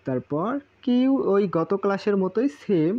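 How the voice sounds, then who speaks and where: A man's voice: high voice, animated, a little slow, dull audio. A man teaching a casual Japanese lesson, repeating syllables in lists and asking rhetorical questions. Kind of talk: casual spoken lesson at a whiteboard.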